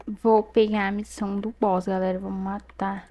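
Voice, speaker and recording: A young Brazilian woman commenting casually on her gameplay, chatty and excitable, often exclaiming to her viewers at a desk mic. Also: medium pitch, normal speed. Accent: Brazilian Portuguese. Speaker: gaming youtuber.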